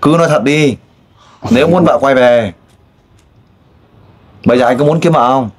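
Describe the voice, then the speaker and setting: A man runs a casual interview. He pushes and teases, firing off pointed questions one after another. His voice sits at an ordinary middle pitch, and he often breaks off into loud exclamations. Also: normal speed. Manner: pushy, teasing questioner with frequent exclamations. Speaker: street interviewer.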